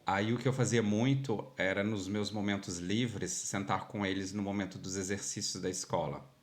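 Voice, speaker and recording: A Brazilian Portuguese-accented man from Minas Gerais, his voice on the low side and at a normal speed, chats casually as a podcast guest. He tells stories animatedly in a relaxed interview, packing his talk with fillers like "tipo" and "sabe."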